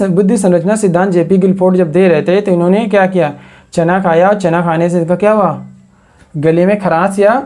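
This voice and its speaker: Male coaching teacher, mellow tone, drills mnemonics through question and answer. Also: high voice. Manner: repeats questions to the class and answers them; builds memory tricks from words. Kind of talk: exam coaching lecture.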